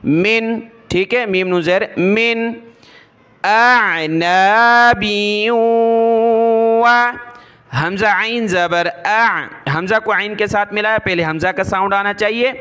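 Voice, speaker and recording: A man teaching Quran recitation, spelling out each syllable patiently and slowly drawing out the recited words. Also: high-pitched, pushed and bright.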